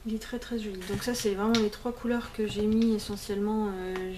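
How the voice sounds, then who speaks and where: A woman's voice: mid-range voice, level tone, fairly quick, background noise. A woman talking casually to camera about her nail polishes and books, chatty and full of fillers and restarts, now and then slipping in English words. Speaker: beauty vlogger.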